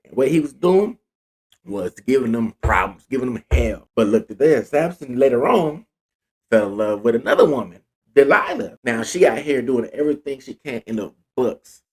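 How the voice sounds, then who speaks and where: Husky man retelling Bible stories casually. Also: medium pitch, normal speed. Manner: animated retelling in slang, acting out quotes. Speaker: Bible teacher.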